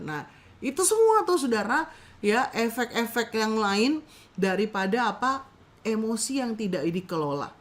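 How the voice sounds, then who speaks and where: A woman teaching a congregation about counseling in a conversational sermon style, asking rhetorical questions and acting out little scenes. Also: medium pitch. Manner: addresses listeners as brothers and sisters, acts out short scenes.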